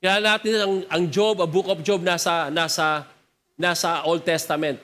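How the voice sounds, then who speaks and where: A man's voice: fairly high pitch, fairly even intonation, normal speed, fairly bright tone. A man preaching with a Filipino accent, conversational and switching languages, often asking the crowd to respond. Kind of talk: sermon mixing joke and scripture.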